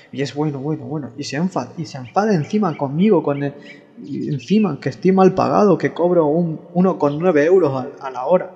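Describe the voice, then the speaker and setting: A man doing a rambling, exasperated comic monologue, stammering and restarting his sentences. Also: on the high side. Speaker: comedian. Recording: dull sound in a long-reverb room with soft guitar.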